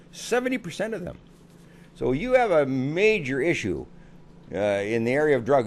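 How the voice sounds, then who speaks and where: A man's voice: mid-range voice, darkish tone. An older American man, a psychologist, giving earnest parenting advice and repeating phrases for emphasis. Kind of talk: advice talk to camera.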